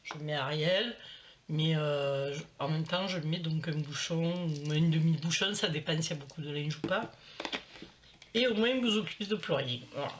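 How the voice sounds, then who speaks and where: A woman's voice: sits low, moderate pace. A middle-aged woman chatting casually to camera at home, rambling and full of fillers as she shows her shopping. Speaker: vlogger showing a shopping haul. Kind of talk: casual haul chat to camera. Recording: slightly dull home recording with faint noise.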